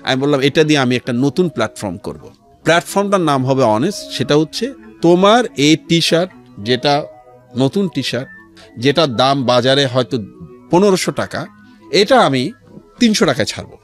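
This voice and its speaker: In a radio studio, a man with a Bangladeshi accent, the founder of a charity resale platform, talks earnestly as an interview guest, telling his story and mixing in English phrases. His voice is fairly high and animated, at a moderate pace, with soft music underneath.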